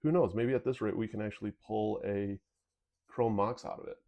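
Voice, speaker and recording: A man with a low voice chats casually as he opens card packs for viewers. His nose is sniffly and whistles as he talks. He rambles along candidly. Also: little pitch movement, moderate pace, warm tone. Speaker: video host. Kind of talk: casual card pack opening commentary.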